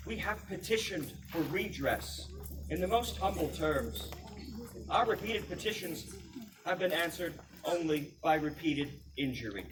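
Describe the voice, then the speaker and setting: A man reenacts a solemn colonial American statesman proclaiming to the public in a high, projected voice. The delivery is formal and oratorical, with deliberate phrasing. It is picked up from a distance at a live event, with faint noise. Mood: grave, measured. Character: Thomas Jefferson, solemn 18th-century American statesman orator. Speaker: historical reenactor.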